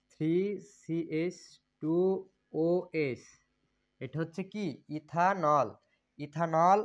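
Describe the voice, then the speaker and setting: A man teaching a chemistry lesson, repeating points and asking questions that he then answers himself. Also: fairly high pitch. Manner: repetitive, asks and answers own questions. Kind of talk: classroom lecture. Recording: dull lo-fi recording.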